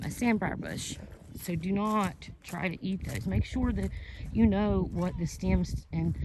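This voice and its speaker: A woman giving a casual, folksy walking vlog, talking to viewers in a halting, rambling way. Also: on the low side, mellow. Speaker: vlogger and outdoor guide. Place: outdoors on a rural field and hollow trail. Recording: outdoor handheld recording with faint noise.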